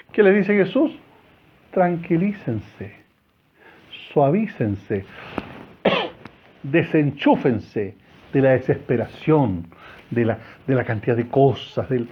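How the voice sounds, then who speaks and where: A priest with a Chilean Spanish accent preaches a homily in a chapel, his mid-range voice sing-song and unhurried. He talks conversationally and puts questions to the congregation. The audio is dull, with a little hiss or hum.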